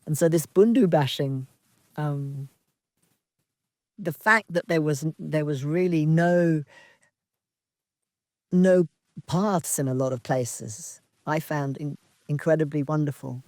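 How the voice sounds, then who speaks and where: A woman from Zambia giving a slow, halting, reflective dharma talk as a meditation teacher on a retreat. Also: low-pitched, a little mellow, no room sound, studio quality. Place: outdoor retreat in wilderness.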